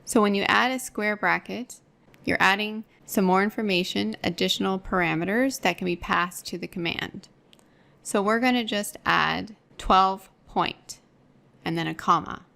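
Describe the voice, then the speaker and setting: A woman's voice: mid-range voice, moderate pace, vocal fry, pushed and bright. A woman teaching an online course, explaining each step patiently while working through a screen-recorded tutorial at her computer.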